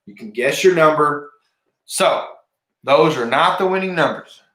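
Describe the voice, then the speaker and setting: A man's voice: a little high, animated, unhurried, pushed and bright. A man hosting a casual livestream, chatting informally with viewers and often repeating himself. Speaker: livestream host of a fishing giveaway. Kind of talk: casual live chat with viewers. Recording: roomy, echoing room sound.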